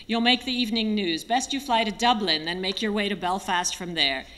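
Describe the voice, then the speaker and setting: A woman reading aloud, voicing a brisk, urgent male news bureau manager. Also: mid-range voice, sharp tone, lightly acted.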